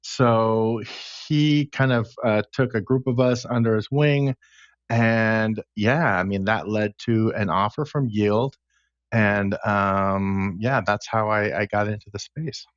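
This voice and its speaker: A man's voice: on the low side, takes it slowly, no room sound, muffled recording. A man chatting casually as a podcast guest, recounting his career path step by step. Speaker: podcast guest, smart contract engineer. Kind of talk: casual interview chat.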